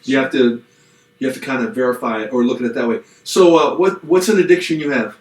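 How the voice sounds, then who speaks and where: A man's voice: medium pitch, fast talker, distant mic. A middle-aged man co-hosting a podcast as a pastor, talking in a reflective, rambling way with restarts and dry self-deprecating jokes. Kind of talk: casual chat. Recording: roomy echoey room.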